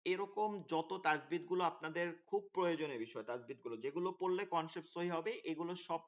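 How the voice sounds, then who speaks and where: A man's voice: a little high, a little fast. A man teaching an online Quran course, explaining the class plan in a hesitant way with many fillers over a video call. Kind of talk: online class orientation talk. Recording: dull lo-fi call audio.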